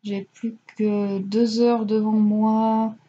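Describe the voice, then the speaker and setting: A woman's voice: mid-range voice, flat delivery, very slow, mellow, husky, muffled recording. Chatty, hesitant woman booktuber. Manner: chatty, rambling with many hesitations and self-corrections; self-mocking. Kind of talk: casual reading vlog.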